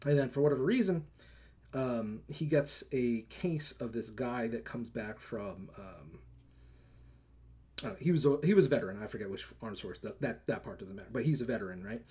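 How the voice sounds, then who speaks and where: A man's voice: mid-range voice, lively intonation, normal speed, dark tone, breathy edge. A man co-hosting a live movie podcast, recapping plots in rambling casual chat full of "like" and "right?", acting out characters' lines. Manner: rambling, filler-heavy, lots of "like" and "right?"; acts out characters' lines in quotes. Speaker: podcast co-host.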